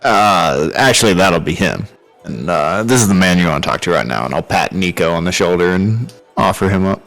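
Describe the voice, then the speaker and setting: A man's voice: deep voice, lively intonation, brisk, creaky, fairly bright tone, soft background music. A man chatting casually as a player in a tabletop role-playing game.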